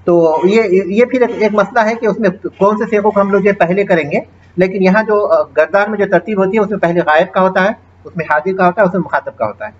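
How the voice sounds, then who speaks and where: A man's voice: sits high, muffled recording, slight background noise. A man teaching an Arabic grammar class online, patiently explaining and reciting verb forms with their translations.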